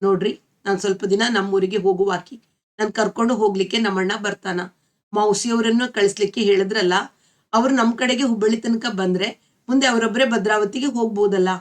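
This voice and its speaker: A woman's voice: mid-range voice, fairly even intonation, fairly quick, natural voice. A woman reading the part of a grieving young village woman, speaking with a North Karnataka Kannada accent in a pleading, tearful manner.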